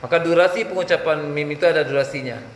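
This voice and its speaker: Male Quran teacher with a Minangkabau-tinged accent, a little high-pitched, asks and answers his own questions, chants examples, echoey room. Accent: Minangkabau-tinged Indonesian. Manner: explains by question and answer, chants verses slowly. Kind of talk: tajwid lesson with chanted examples. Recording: echoey room with faint background noise.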